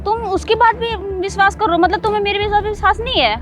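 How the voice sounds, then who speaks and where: A woman's voice: very high voice, quick pace, fairly bright tone. A woman acting a defiant, argumentative wife in a scripted drama. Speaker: scheming wife in a short drama. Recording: faint background music.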